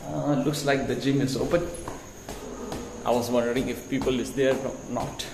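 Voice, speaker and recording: A Nepali man in his thirties, a vlogger, chats upbeat and directly to viewers while holding his phone at arm's length, moving through streets, a stairwell and a gym at dawn before ending up in a bedroom. His voice is mid-range, fairly even in intonation, at a moderate pace. The phone audio picks up clear background noise.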